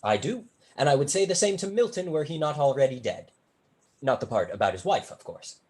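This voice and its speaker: This young student actor voices a bold, silver-tongued male tutor from a period stage comedy, at a fairly quick pace and near his everyday voice. His pitch sweeps through long, formal sentences, and he comes across as arch, witty, sly and smoothly flattering.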